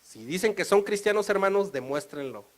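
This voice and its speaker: A man with a Mexican accent preaching a sermon, animated and storytelling. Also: sits high, brisk, poor audio. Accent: Mexican Spanish. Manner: animated, storytelling, acts out dialogue.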